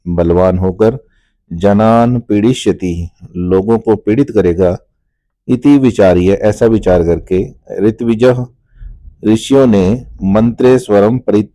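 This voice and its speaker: A man teaches a textbook chapter at a very slow, deliberate pace. His voice sits on the low side. He reads each phrase carefully and then repeats it in plain terms. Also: warm tone. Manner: slows down to stress verse words. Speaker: Sanskrit teacher. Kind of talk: line-by-line textbook explanation.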